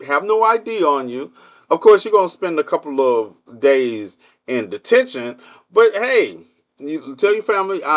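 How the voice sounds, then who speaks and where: A man hosts his own livestream in a loose, casual monologue about the news. He is sarcastic and keeps throwing rhetorical questions at his listeners. His voice sits at an ordinary middle pitch for a man. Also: lo-fi sound. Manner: hums a tune while waiting. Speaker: livestream host. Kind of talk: casual political commentary monologue.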